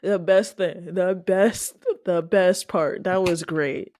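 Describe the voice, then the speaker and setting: A woman co-hosting a casual movie review podcast, chatty and quick to laugh. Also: on the low side, fairly even intonation, darkish tone, no echo, clean studio sound. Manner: chatty, laughing, acts out quoted lines. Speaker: podcast co-host.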